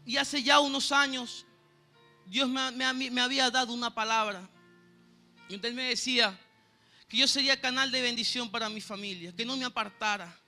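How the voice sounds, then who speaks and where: A man's voice: extremely high pitch, fairly even intonation, moderate pace, pushed and bright, soft background music. A man with a Venezuelan Spanish accent preaching a sermon and sharing a personal testimony, earnestly and often stopping to ask his listeners if they know. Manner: earnest, keeps asking "¿sabe, hermano?". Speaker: church pianist preaching.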